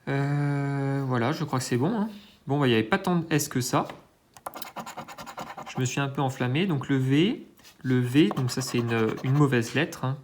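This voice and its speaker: A man's voice: medium pitch, moderate pace, slight background noise. A man hosting his own channel, giving hesitant, think-aloud commentary while scratching lottery tickets, with self-mocking asides and lots of filler sounds. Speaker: scratch-card channel host.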